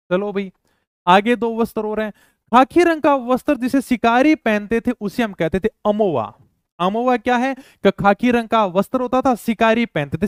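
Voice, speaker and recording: A man's voice: sits high, clear, resonant tone, no room sound, studio quality. A male teacher giving an exam-prep lecture. He repeats each term several times and asks and answers his own questions.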